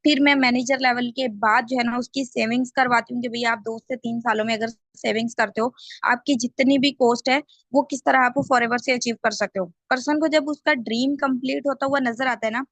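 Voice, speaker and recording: A woman's voice: a little high, fairly even intonation, brisk, fairly bright tone, no room sound. A woman sales trainer on a video call, explaining step by step and often checking in with the group. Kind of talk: online team training call.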